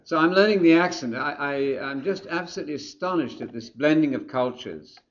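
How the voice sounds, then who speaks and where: A man's voice: on the high side, lively intonation, a little fast, dull audio. A man giving informal remarks at a church gathering, chuckling and joking at his own expense. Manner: chuckling, self-deprecating humor, stammers on restarts.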